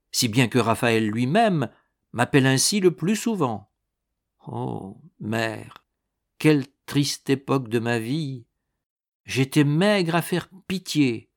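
A man reading a storybook aloud and voicing a gentle, pleading poor young woman. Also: mid-range voice. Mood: recounting.

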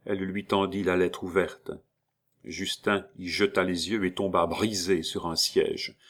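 Deep-voiced guy reading an old novel aloud, calm and measured. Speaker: narrator. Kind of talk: audiobook reading of a classic novel.

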